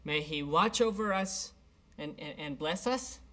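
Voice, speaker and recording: A man's voice: a little high, lively intonation, a little slow, pushed and bright. A man playing a flustered young dinner host. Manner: hesitant, full of uhs. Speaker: actor. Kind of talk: sitcom acting. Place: studio set.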